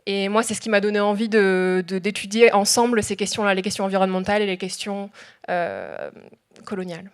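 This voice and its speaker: A woman's voice: mid-range voice, expressive, fairly quick, clean tone. A woman speaking as a panel guest, hesitant, with many fillers and restarts. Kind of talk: panel discussion talk.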